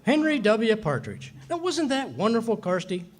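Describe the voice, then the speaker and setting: Using a full character voice that is high and moderately paced, a man portrays a bumbling middle-aged husband who brags through folksy tall tales. The 1940s radio comedy is performed live at a hotel venue, and his boastful delivery is blustering and excitable.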